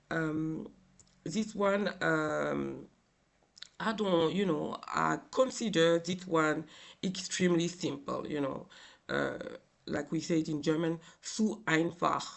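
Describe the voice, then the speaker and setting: Tearful man with a very creaky voice. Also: on the high side. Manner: halting, hesitant, frequent filled pauses. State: tearful, crying voice. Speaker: software tutorial instructor. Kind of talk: informal screen tutorial narration.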